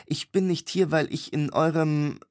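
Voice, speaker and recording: A haughty young woman speaks in a raised, tight voice, formal to the point of stiffness, as a male narrator puts her on. The storybook heroine keeps her words measured and clipped, though the calm sounds forced. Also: a little high, voice pushed up, natural voice. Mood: forced politeness. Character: young woman, proud, sharp-tongued acolyte.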